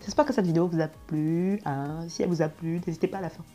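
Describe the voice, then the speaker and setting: A young woman vlogger telling a story in an animated, exaggerated, slangy way. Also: fairly low pitch, quick pace, faint music behind. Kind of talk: casual storytelling vlog.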